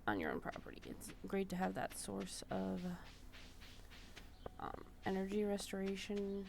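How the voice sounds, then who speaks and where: A woman with a stuffed-up nose chatting casually as she streams a farming game, trailing off into soft fillers. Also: medium pitch, sing-song, a little slow, gravelly, background noise. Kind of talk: casual gameplay commentary. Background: game music.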